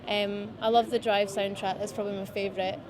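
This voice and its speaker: Speaking fairly quickly in a medium pitch, this woman in her twenties from the Scottish Highlands is a musician guest talking casually about her music. She rambles in a relaxed way, full of fillers, while outdoor crowd noise fills the space around her by a city riverbank.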